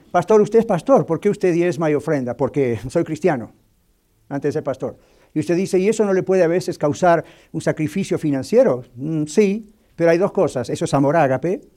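A man's voice: on the high side, mellow. A man preaching a sermon as pastor, emphatic, often stopping to ask the congregation questions.

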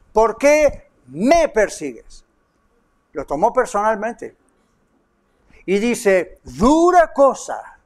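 A man preaching an emphatic sermon, addressing listeners in church and on radio, sometimes voicing God's words. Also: sits high. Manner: emphatic preaching, speaks as God in quoted lines. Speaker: pastor. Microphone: broadcast on radio and online.

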